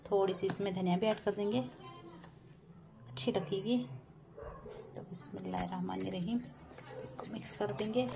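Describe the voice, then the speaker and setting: With her phone camera over the stove catching just her hands, a woman narrates a recipe casually, one step at a time, from her home kitchen. She speaks in a creaky mid-range voice, calm and homely, frequently addressing viewers as "nazreen." Loud frying sizzle from the oil fills the background.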